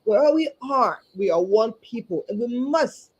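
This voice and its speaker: Earnest woman with halting speech. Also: fairly high pitch, lively intonation, darkish tone, breathy edge, lo-fi sound. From Liberia. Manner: earnest, repeats words, many halting fillers. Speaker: guest, community advocate and chapter chair. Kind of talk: livestream interview. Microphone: video call.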